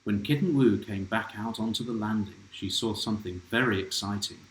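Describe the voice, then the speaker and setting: There's slight background noise and the echo of a roomy home room as a man with a fairly low voice reads briskly from the children's book he authored. His manner is gentle, and he breaks off now and then to question the child listening and the viewers.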